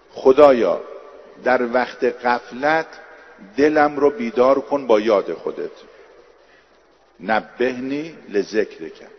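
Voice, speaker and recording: A male cleric giving a sermon, chanting Arabic prayer lines slowly and telling anecdotes and jokes. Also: lowish voice. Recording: dull echoey hall recording.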